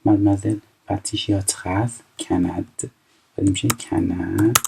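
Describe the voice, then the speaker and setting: Gravelly low-voiced man teaching. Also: flat delivery, dark tone, poor audio. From Iran. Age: 20s. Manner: explains step by step, reads French slowly then translates. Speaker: French teacher. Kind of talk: recorded language lesson.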